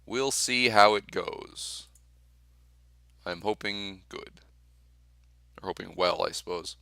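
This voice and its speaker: A man's voice: sits low, slow pace, gravelly, pushed and bright, dry recording. A man streaming a tabletop game night, talking casually and teasing his friends with plenty of swearing. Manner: laid-back, swearing, teasing. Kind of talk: casual chat.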